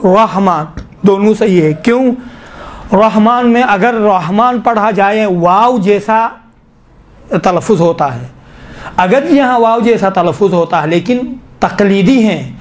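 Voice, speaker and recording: Male teacher with a high voice leading a class in Quran recitation rules, patient and questioning. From Pakistan. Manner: explains slowly, asks the class questions, draws out sounds. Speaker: tajweed teacher.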